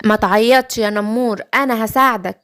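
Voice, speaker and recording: A woman with an Egyptian accent voicing a kind, gentle witch who comforts and helps. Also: on the high side, brisk, close to an everyday voice. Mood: soothing. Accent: Egyptian Arabic. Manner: soothing, explaining.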